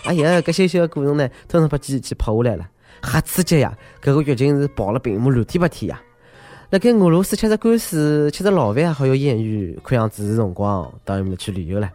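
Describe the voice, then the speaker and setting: A man's voice: mid-range voice, lively intonation, fast talker, dark tone. A man with a Shanghainese accent hosting a scripted humorous news show, joking and exclaiming like a theatrical storyteller. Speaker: host of a comedic news podcast.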